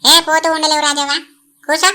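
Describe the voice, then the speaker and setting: Woman voicing a chatty telangana village auntie, scolds a lot, high bright voice. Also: monotone, brisk. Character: fussing middle-aged village woman neighbor.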